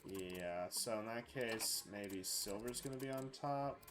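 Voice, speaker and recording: A streamer chats casually while playing, tossing out dry, wry remarks. Faint music runs quietly in the background. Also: mid-range voice, measured pace. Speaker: streamer co-player. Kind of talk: casual chat.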